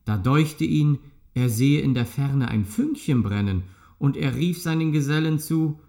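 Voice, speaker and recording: A man reading a fairy tale aloud in a slow, expressive storytelling manner. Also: mid-range voice, gravelly.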